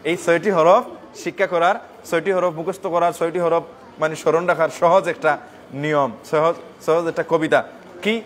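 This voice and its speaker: A man's voice: a little high, flat delivery. A man teaching a Quran recitation lesson, repeating points, asking questions and answering them himself. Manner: repeats and quizzes, answers his own questions; chants letters slowly in a sing-song. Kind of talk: tajweed lesson.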